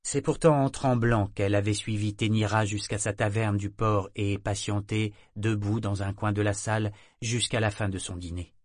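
A man reading a novel as an audiobook narrator in a measured, even manner. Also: on the low side, no echo, clean studio sound. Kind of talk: scripted narration.

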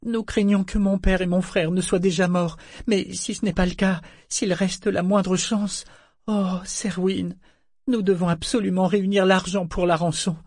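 A young noblewoman pleads through tears, her voice lifted high and carried on a breathy, faraway tone, put on by a man reading the story. She sounds dutiful and close to breaking. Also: moderate pace, darkish tone, no echo, lightly acted. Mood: tearful, pleading. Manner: pleading, tearful.

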